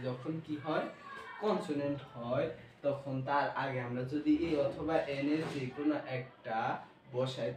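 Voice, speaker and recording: A man's voice: medium pitch, a little hiss or hum. A male English grammar teacher with a Bangladeshi accent, giving a classroom lesson and asking questions he then answers himself. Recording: echoey room, voice from far off.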